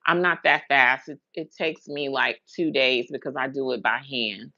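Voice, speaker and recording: A very deep, pushed, bright female voice holds a steady tone at a moderate pace on a dry, muffled recording. The American speaker, a livestream host and hairstylist from Huntsville, Alabama and Brooklyn, New York, chats casually, telling rambling personal stories colloquially and repeating words to emphasize them.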